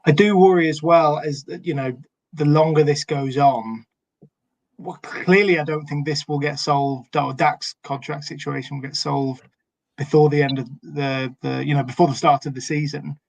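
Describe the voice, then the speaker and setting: Man, fairly high voice, gravelly, hesitant, casual sports chat, dry close sound. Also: steady tone, moderate pace, no room sound. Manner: hesitant, many fillers and restarts. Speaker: podcast co-host.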